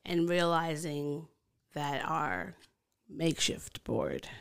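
A woman's voice: sits low, very animated, slow, gravelly, clear, resonant tone. A woman with a Long Island accent co-hosting a podcast in casual, bantering conversation. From Long Island, New York. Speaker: podcast co-host.

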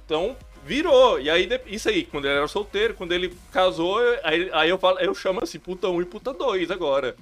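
A man in a casual chat, telling a story in a lively, playful way. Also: high voice, quick pace, hardly any pauses, faint music behind.

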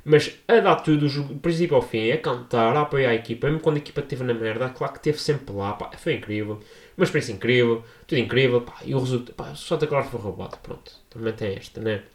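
A young man with a European Portuguese accent rattling through a story for his vlog, slangy and animated, never sitting still in one tone. His voice sits at a middle pitch. The sound bounces around an echoey room. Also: fast. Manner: animated, slangy, jumps into high-pitched voices for quoted people. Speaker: vlogger. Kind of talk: casual storytelling.

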